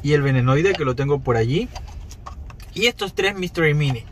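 This vlogger, a toy collector in his thirties, talks casually to his audience while opening toys in a parked car after dark, upbeat and chatty throughout. His slightly high voice is expressive and moderately paced, with a bit of background noise.

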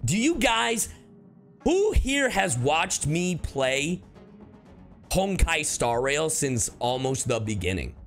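This time his voice is fairly high and bright, very animated yet slow, with vocal fry and soft music underneath. The streamer and voice actor reacts casually to his chat, slangy and emphatic, repeating himself to make points stick.

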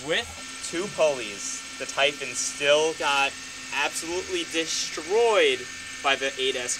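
A man hosting a hobby vlog outdoors, explaining an experiment with energetic, cheerful talk. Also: medium pitch, noisy background. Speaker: RC hobby channel host. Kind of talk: excited demo vlog.

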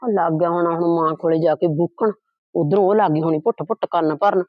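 A woman playing a scheming, sharp-tongued young daughter-in-law who nags and scolds bitterly in a village drama. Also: sits high, fast, dry recording, muffled recording, close to an everyday voice. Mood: grumbling, scheming. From Punjab, India.

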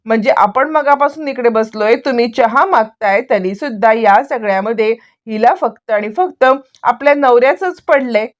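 A woman's voice: a little high, expressive, normal speed, few pauses, close to an everyday voice. A woman voicing an affectionate, teasing older matriarch in a chatty way.

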